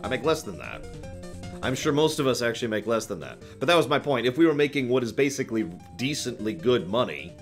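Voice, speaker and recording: Talking fast in a mid-range voice with big swings in pitch, a man runs a livestream and responds to viewer questions. He's casual yet emphatic and opinionated, peppering his talk with asides while background music plays.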